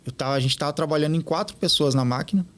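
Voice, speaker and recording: A man, a podcast guest telling stories in an animated way and acting out what others said. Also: on the high side, very fast. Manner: animated, quotes others in lively retellings. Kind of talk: casual storytelling interview.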